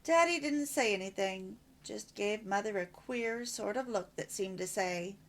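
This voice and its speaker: A woman reading an old children's storybook aloud in an expressive, warm way. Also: medium pitch, measured pace. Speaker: storybook reader.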